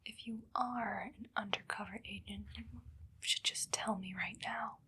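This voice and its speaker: With slight background noise behind her, a woman whispers in a mid-range voice at a somewhat slow pace, playing a menacing, irritable evil scientist in an ASMR roleplay. Her bossy orders and deadpan threats carry a breathy, creaky edge and a sense of sinister relish.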